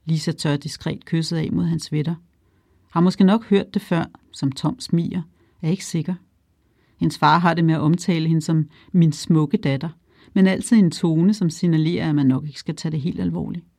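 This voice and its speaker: A narrator reading a novel aloud in a calm, even storytelling manner. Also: medium pitch, creaky, dry recording, studio quality. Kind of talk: audiobook narration.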